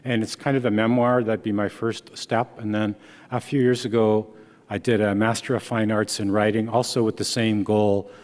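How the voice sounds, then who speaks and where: This sixty-something author from Ontario, Canada, a native Dutch speaker, delivers a book reading talk in a lowish, slightly mellow voice with a flat delivery. A long reverb tail follows his words, and he speaks conversationally, stopping and restarting frequently.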